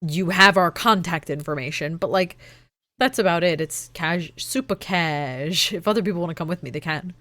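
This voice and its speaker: A woman's voice: fairly low pitch, normal speed, a bit bright, no echo. A woman playing a tabletop game, casual and laid-back. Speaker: player.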